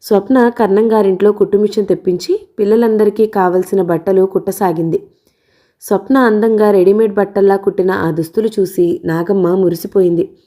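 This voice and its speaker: A woman narrating a novel aloud in an even, steady storytelling manner. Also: medium pitch, fairly quick. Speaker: audiobook narrator.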